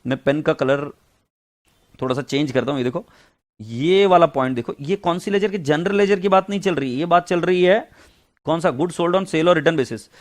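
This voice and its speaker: Brisk Indian man teaching accounts online. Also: on the high side. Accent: Indian English. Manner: mixes Hindi and English, reads text slowly, explains fast, teasing asides to students. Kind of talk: online class lecture.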